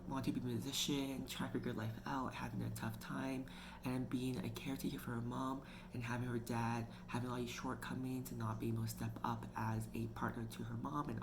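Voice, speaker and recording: Over noticeable background noise, a woman from Canada chats away on her book review channel, peppering her talk with "like" and "you know." She has a bass voice marked by vocal fry.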